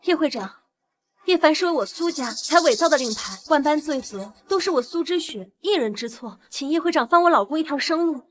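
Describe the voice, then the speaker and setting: An earnest, loyal young heiress in a short drama, pleading for her husband. Her voice sits high. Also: expressive, a little fast.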